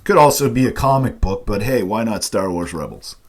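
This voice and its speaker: A man's voice: on the low side, lively intonation, brisk, breathy edge. A man hosting a casual fan chat, talking enthusiastically with lots of fillers. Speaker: host.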